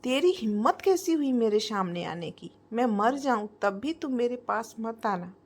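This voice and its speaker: A woman's voice: on the high side, lively intonation, a little slow. Woman voicing an angry stubborn mother-in-law. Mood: scolding. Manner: scolding, harsh.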